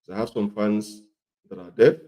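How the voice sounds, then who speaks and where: Male health presenter, coarse gravelly voice thick with a cold, very dark tone, repetitive and emphatic instructional delivery. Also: lowish voice, fairly even intonation, moderate pace. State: congested and hoarse with a cold. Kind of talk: instructional talk to viewers.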